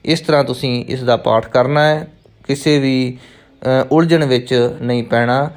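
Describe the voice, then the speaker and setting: A man teaching the correct recitation of scripture. He chants each verse very slowly, then explains the pronunciation in quick, plain speech. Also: mid-range voice, steady tone. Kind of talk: slow recitation lesson.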